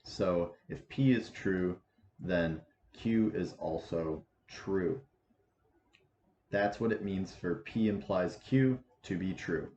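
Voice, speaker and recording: Twenties guy teaching math, lots of restarts, kinda low voice, echoey muffled room sound. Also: darkish tone. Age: 20s. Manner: halting, many restarts and fillers. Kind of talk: casual lecture. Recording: echoey room, dull lo-fi sound, faint hiss.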